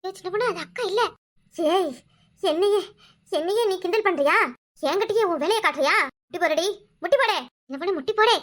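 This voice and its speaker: Woman doing a shrill bossy village woman. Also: a little fast, long pauses. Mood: possessed, commanding. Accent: Kanyakumari Tamil. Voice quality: shrill, scolding. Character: bossy devout village woman, quick-tempered. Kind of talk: village cartoon comedy.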